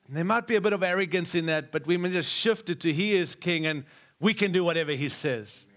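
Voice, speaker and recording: Preaching as a guest before a live congregation, this middle-aged man from Australia mixes jokes with rousing, repeated lines. He sounds high-pitched and a bit bright, moving a little fast.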